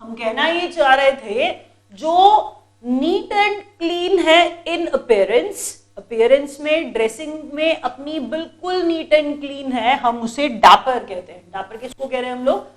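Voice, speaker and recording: A woman's voice: high voice, animated, slow. A woman teacher runs an exam-prep vocabulary lesson. She drills each word over and over in a patient, repetitive way and calls her students children.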